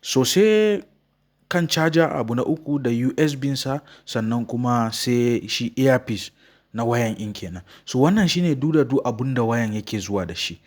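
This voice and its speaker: A male tech reviewer with a Nigerian Hausa accent. He presents an unboxing as a channel host, walking viewers through a product. His voice sits at a middle pitch. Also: moderate pace. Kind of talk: phone unboxing and review narration.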